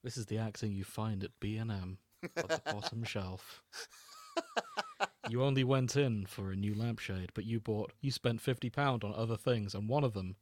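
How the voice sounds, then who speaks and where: A podcast host chats casually and jokily, tossing in the odd mock-announcer aside on a comedic show. His voice is fairly low and a little mellow, at normal speed with hardly any pauses.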